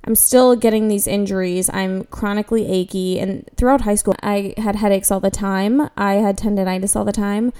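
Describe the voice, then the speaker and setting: Young woman vlogger, warm relaxed tone, candid chatty storytelling full of fillers. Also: mid-range voice, moderate pace, few pauses, clear, resonant tone. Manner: chatty, candid, self-deprecating, frequent "like" fillers. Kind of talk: casual personal storytelling.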